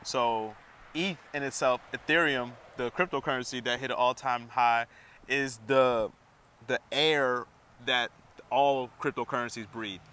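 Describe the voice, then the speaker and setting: Male co-host, casual, bright and forceful, keen to explain. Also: mid-range voice, fairly even intonation, a little slow, smooth. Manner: enthusiastic, explanatory, laughs easily. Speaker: podcast co-host. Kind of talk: casual chat.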